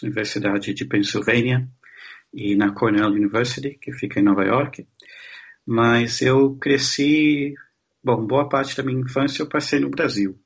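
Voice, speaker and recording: A husky-voiced man from Brazil speaks as an interview guest, weighing his words and often restarting a phrase. The recording is dull and lo-fi, like a remote call. His pitch sits in an ordinary middle range. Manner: thoughtful, halting, many restarts. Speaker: guest social scientist. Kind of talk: conversational interview answers.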